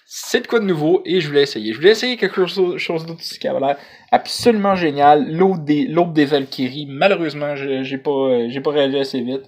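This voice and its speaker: A man's voice: fairly high pitch, a little fast. A man with a Quebec French accent chatting casually to camera as a vlogger, hesitant and rambling, in colloquial slang.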